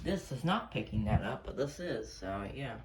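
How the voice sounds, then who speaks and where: A mid-range voice with big pitch swings guides a loose, hands-on tour of a radio collection. The man rambles, hesitates, and often takes back his words, while clicks and noise fill the room.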